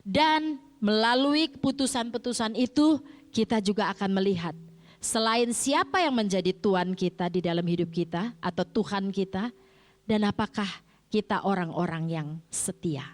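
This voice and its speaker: A woman's voice: medium pitch, moderate pace. A middle-aged woman from Jakarta preaching a sermon in a chatty way, posing rhetorical questions and answering them herself. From Indonesia, grew up in Jakarta. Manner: conversational, asks and answers her own rhetorical questions. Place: church sanctuary. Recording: long church-hall reverb.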